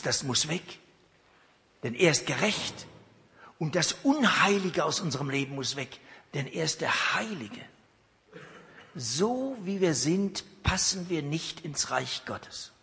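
A man's voice: medium pitch, sharp tone. A man preaching a sermon, emphatic, with rhetorical asides to the congregation. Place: church. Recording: long church reverb.

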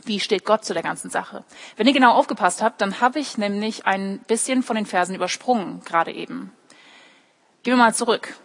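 A woman's voice: mid-range voice, brisk, vocal fry, fairly bright tone. A woman preaching an online sermon, often asking questions and speaking directly to her listeners. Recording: long hall reverb.

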